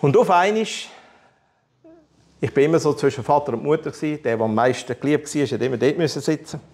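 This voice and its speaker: A man with a Swiss German accent delivers a testimony sermon, speaking fast in a fairly high voice with a darkish tone. He tells his candid personal story with animation and humor.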